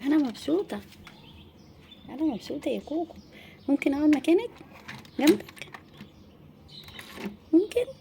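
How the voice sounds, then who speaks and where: A woman with an Egyptian Arabic accent, talking softly and coaxingly to her cat in casual pet talk. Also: high voice, very animated, normal speed, vocal fry, long pauses, slight background noise. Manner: soft, coaxing, sing-song pet talk. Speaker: pet channel host. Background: faint birdsong outdoors.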